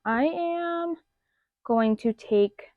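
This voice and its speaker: A woman's voice: high voice, extremely slow, no echo. Chatty woman with a slight lisp. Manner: chatty, expressive, rambling with fillers. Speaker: makeup vlogger. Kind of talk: casual chat. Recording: dull lo-fi dry sound.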